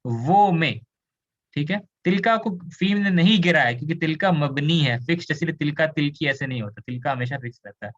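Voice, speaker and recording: A man's voice: on the high side, a little fast, fairly bright tone, dull audio. A man from India teaching an Arabic grammar class, explaining patiently, switching into English and asking students questions. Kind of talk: online class lecture.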